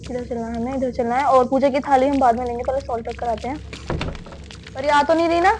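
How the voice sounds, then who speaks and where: A woman's voice: high-pitched, fairly even intonation, quick pace, a little mellow, slight background noise. A young woman hosting a horror game let's-play, chatting casually to viewers and keeping up a stream of questions to a helper beside her. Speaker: gaming video host.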